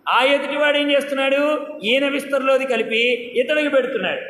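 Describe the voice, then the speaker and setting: A man's voice: very high-pitched, fairly quick, fairly bright tone, a little hiss or hum. A man giving a devotional discourse, telling stories and asking the audience questions. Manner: storytelling, asks the audience questions. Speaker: religious speaker. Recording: echoey hall with faint ambience.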